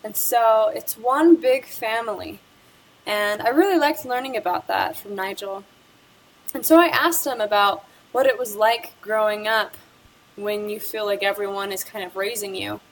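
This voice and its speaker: A young woman, a student presenter, reads a prepared script for a school project about the person she interviewed. Her medium-pitched voice moves at a moderate pace, and the audio is poor.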